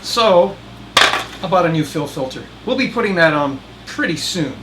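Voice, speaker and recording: Heavy background noise surrounds this man's fairly high, expressive voice as he narrates at a moderate pace. Hosting his DIY channel, he keeps a folksy, conversational tone and slips in wry comments to the viewer.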